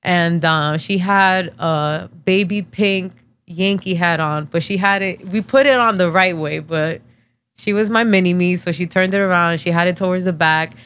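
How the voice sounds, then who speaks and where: A woman's voice: lowish voice, normal speed, fairly bright tone, clear, resonant tone. A woman in her thirties hosting a podcast, telling a personal story in a casual, candid way with many fillers, tearful and emotional. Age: 30s. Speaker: podcast host.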